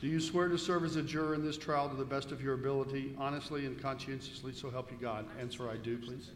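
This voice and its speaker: A man's voice: mid-range voice, steady tone, fast talker. A man speaking as presiding judge, giving formal scripted instructions to a jury. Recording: echoey reverberant hall with faint noise.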